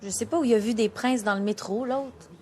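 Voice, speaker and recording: A woman's voice: fairly high pitch, a little fast, noisy background, close to an everyday voice. A woman playing a spirited young fairy with a Québécois French accent, talking boldly and teasingly. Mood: frank. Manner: bold, chatty, teasing. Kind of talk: film dialogue.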